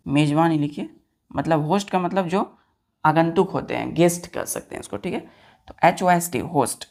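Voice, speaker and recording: A woman teaching grammar to students, spelling words out letter by letter, repeating each answer and checking that they follow. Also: on the low side. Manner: keeps checking if students understood.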